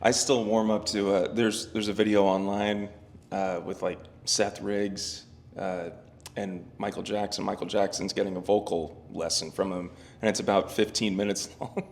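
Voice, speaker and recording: A man's voice: fairly low pitch, level tone, moderate pace. A man guest, a professional musician, talking in a laid-back, joking way. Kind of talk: casual interview chat.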